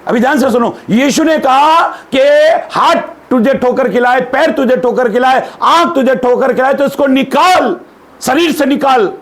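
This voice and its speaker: High-voiced male pastor preaching. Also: moderate pace, fairly bright tone. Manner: humorous storyteller, asks the congregation questions. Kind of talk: Hindi sermon with jokes and rhetorical questions.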